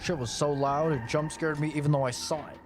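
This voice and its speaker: A man's voice: on the high side, fairly even intonation, brisk, background noise. A man streaming a horror game with casual commentary, startled and exclaiming, swearing freely.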